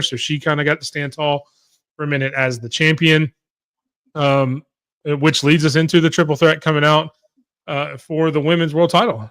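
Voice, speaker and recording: A man's voice: fairly high pitch, fairly bright tone, clear, resonant tone, no echo. A man co-hosting a wrestling podcast, casually walking through matches and reading out viewer comments. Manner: conversational, reads out viewer comments. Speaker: podcast co-host.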